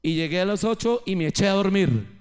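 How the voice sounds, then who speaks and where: Animated pastor preaching. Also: male voice, high-pitched, a little fast. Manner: animated, rising and dropping for emphasis. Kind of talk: sermon. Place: church.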